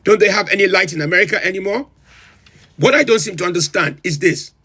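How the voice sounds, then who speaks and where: In a fast, high, bright voice with a forceful tone and a breathy edge, a man fully in character as a comic republic's pompous president rants on his livestream. Incredulous and theatrical, he lists item after item with rising emphasis.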